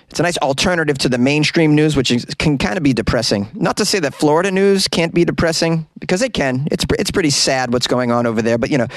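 A man with a medium-pitched voice chats casually as a podcast host, recorded dry and close. His delivery is wry and rambling, with halting phrases. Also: no room sound. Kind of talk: casual solo podcast chat.

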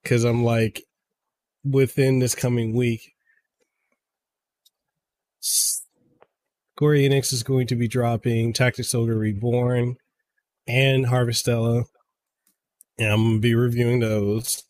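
A man in his thirties, a game reviewer guesting on a podcast, talking in an excitable way and often stumbling over repeated words. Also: medium pitch, takes it slowly, long pauses, dry recording. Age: 30s. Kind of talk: casual podcast chat.

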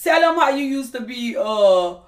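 A woman's voice: a little high, moderate pace. A middle-aged woman, a mother and music artist, telling stories bluntly in a casual interview. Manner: blunt, swearing, lively storytelling. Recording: echoey room.

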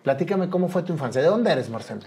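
A man's voice: fairly high pitch, sing-song, fast, a little mellow, breathy edge. Man hosting an interview, attentive, with frequent affirmations. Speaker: interview host. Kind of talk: friendly interview questions.

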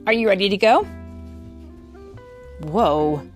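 A mother reading a picture book aloud to her children, animated, dropping into whispered asides and asking them questions. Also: medium pitch, takes it slowly, soft background music.

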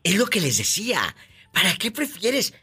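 A man hosts a live radio show from the studio. He talks in a sassy, theatrical way, and his voice swoops all over in pitch. The tone is bright and sharp. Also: big pitch swings, normal speed, breathy edge. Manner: playful, theatrical, sassy advice. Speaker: radio host.

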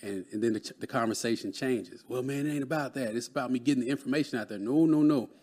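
A man in his late thirties from Dallas, Texas, appears as a guest in a conversational interview about mentoring. Speaking earnestly and motivationally, he often adds "man," and his mid-range voice is quick and a little mellow.

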